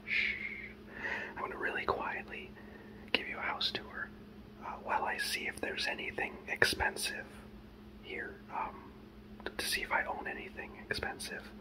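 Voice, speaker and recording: A man in his thirties whispering a comedy sketch in a dark house, hesitant and full of fillers, close to a handheld phone. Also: poor audio. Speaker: comedian host. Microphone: handheld phone camera close up.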